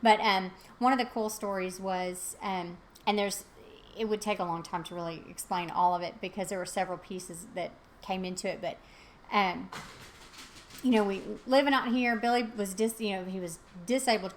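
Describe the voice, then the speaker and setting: A middle-aged woman talks in a casual chat, her voice at an ordinary pitch. She tells her stories animatedly and fills the gaps with ums and you-knows. Faint noise hums behind her. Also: normal speed. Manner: animated storytelling with many fillers. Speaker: host.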